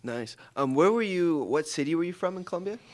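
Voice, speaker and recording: A man hosting a casual podcast interview, asking brisk questions and using fillers. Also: a little high, expressive, dry recording, studio quality. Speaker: podcast host.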